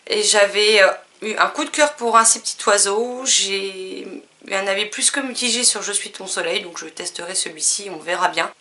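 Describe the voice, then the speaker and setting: A woman casually listing her new books, chatty and relaxed, with frequent fillers. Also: mid-range voice, normal speed. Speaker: book vlogger. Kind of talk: casual book haul chat.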